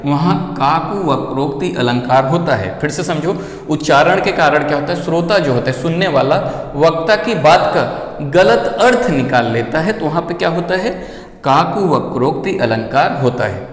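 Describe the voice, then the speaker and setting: A male teacher explaining grammar, repeating each point and checking understanding with questions. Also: fairly high pitch. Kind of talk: Hindi grammar lesson. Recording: echoey room with long reverb.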